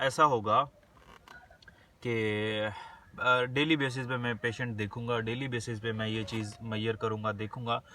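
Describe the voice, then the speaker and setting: A man giving a medical lecture. He reads English definitions slowly, then explains them casually in Hindi. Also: medium pitch, bright, forceful tone, distant mic, a little hiss or hum.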